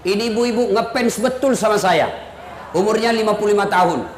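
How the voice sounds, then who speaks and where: Joking high-voiced male preacher, echoey hall. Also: brisk, slight background noise. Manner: joking, teasing the audience, plays both sides of dialogues. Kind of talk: humorous sermon to a crowd. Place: large public religious gathering.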